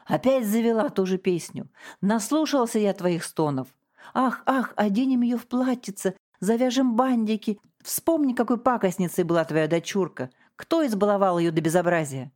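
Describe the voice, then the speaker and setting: A woman's voice: medium pitch, expressive, normal speed, darkish tone, lightly acted. A woman reading the part of a harsh, domineering middle-aged husband, cold and cutting. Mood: cold, sarcastic. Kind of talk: audiobook character reading.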